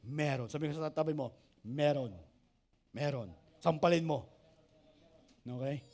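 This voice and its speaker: A man, a pastor preaching an animated sermon, asking the congregation for amens and joking with them. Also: a little high, moderate pace. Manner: animated preaching, asks the church for amens and jokes with it.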